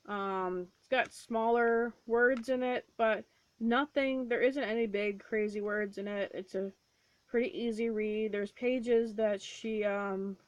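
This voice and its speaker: Woman book vlogger, fairly high voice, loose chatty delivery full of ums, dry close sound. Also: fairly even intonation, takes it slowly, no echo. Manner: chatty, rambling, with many fillers and restarts. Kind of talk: casual book review chat.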